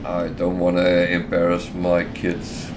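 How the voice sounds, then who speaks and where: A man's voice: sits low, completely flat delivery, takes it slowly. A middle-aged man chatting casually while gaming on a livestream, hesitant with many fillers and restarts. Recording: clear background noise.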